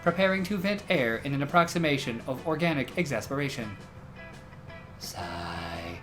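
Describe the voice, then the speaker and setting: A man voicing a pedantic, literal-minded robot student with formal, deadpan delivery in a tabletop game. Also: a little high, moderate pace, over music, lightly acted. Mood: exasperated deadpan. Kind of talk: in-character tabletop game role-play.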